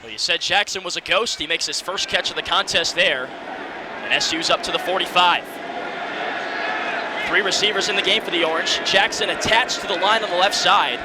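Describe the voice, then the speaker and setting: A man in his early twenties does live radio play-by-play of college football, calling the action in short, vivid, present-tense phrases. His voice is high and a little fast, set against a stadium crowd and loud background noise.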